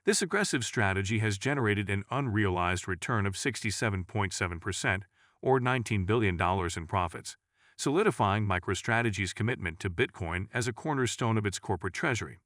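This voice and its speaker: A man narrating scripted market news in an even, read-aloud delivery. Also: on the low side, brisk, no room sound, clean studio sound.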